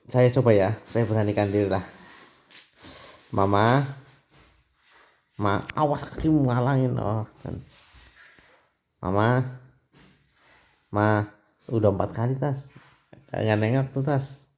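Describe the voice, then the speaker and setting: Teasing middle-aged dad filming. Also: male voice, on the low side, slow pace, pauses often, darkish tone. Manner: teasing, chatty, keeps addressing his daughter. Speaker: father filming his family. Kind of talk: casual teasing family chat.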